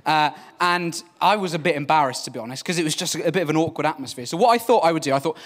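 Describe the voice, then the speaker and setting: On stage, a young man from Wales, Welsh being his first language, spins a funny, self-mocking yarn and addresses listeners as folks. He races along in a fairly high, slightly bright voice, recorded from afar with heavy reverb.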